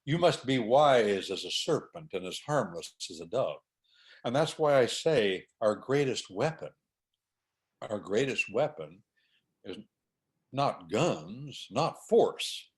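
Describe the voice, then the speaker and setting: A man's voice: mid-range voice, sing-song, slow pace. A man hosting a conversation, driving points home with emphatic, preacher-like repetition. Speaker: host. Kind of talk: conversational talk on faith and order.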